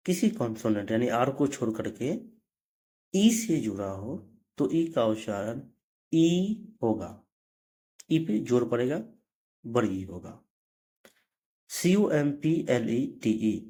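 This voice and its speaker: In a slow explanatory lesson, a man spells English words letter by letter before pronouncing them, occasionally correcting himself along the way. His mid-range, mellow voice has lively intonation; he speaks slowly and pauses often.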